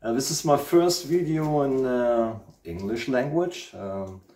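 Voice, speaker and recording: This guitar channel host speaks slowly in a warm, medium-pitched voice, with a German accent; he's a man from Germany in his forties. In a casual unboxing vlog filmed in his echoey living room on a distant camera mic, he keeps reaching for words with plenty of ums.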